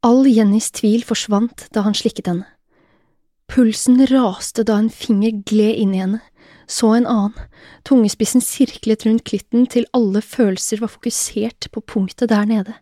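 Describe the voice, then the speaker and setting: A woman storyteller reads an erotic audio story in a hushed, intimate delivery that often drops to a whisper. Her tone is warm and mellow. The recording is close and completely dry. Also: on the high side, fairly even intonation, no echo.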